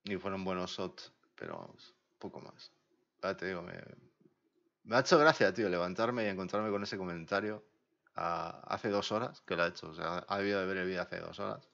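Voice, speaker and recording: Man with a Spain Spanish accent, live game streamer, casual slangy chat, low creaky voice, drifts from the mic. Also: fairly quick. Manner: chatty, slangy, often mutters quietly. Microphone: desk mic, sometimes far from it. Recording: dull lo-fi stream audio.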